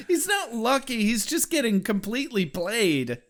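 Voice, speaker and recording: A man's voice: extremely high pitch, sing-song, slow pace, a bit bright. A man co-hosting a podcast, chatting casually, joking and laughing often. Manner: jokey, laughs often, quotes characters. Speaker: podcast co-host. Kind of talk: casual chat.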